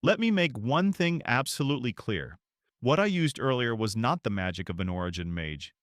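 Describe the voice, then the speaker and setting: A man's voice: mid-range voice, expressive, normal speed, fairly bright tone, dry recording, clean studio sound, voice pushed up, close to an everyday voice. A man voicing a cold, curt young count.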